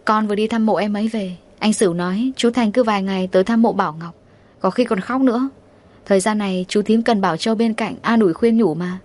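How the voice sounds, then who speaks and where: A woman's voice: mid-range voice, quick pace, close to an everyday voice. A woman reading the lines of a stern, determined young husband from a wealthy family in an audiobook. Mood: persuasive. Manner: firm, quietly determined.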